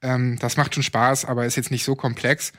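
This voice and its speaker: A man co-hosting a casual gaming talk show, animated and rambling with plenty of fillers. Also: mid-range voice, moderate pace. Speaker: podcast co-host.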